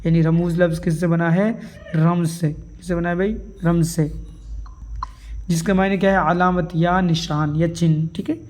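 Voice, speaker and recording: A man's voice: on the high side, fairly even intonation, normal speed, a little mellow, slight background noise. A man teaches grammar for an exam. He explains while writing on a board, and keeps asking his students questions that he answers himself. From India. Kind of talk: exam-prep grammar lesson.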